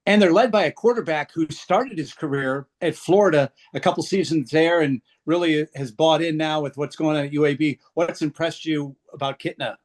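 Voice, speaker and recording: A man's voice: on the high side, normal speed, hardly any pauses. A male sports reporter on a video call, asking friendly, direct questions at a press conference.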